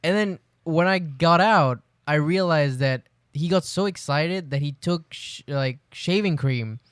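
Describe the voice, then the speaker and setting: A young man telling animated, exasperated stories in a casual chat with friends. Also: on the high side, unhurried, smooth, dry recording, clean studio sound.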